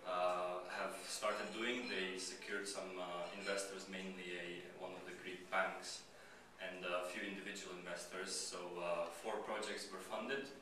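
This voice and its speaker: Hesitant low-voiced man from Slovakia. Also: flat delivery, unhurried, hardly any pauses, background noise. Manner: hesitant, many fillers and restarts. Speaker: startup founder giving a pitch. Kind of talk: casual spoken pitch at a meetup. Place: meetup venue. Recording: echoey room, mic far off, crowd behind.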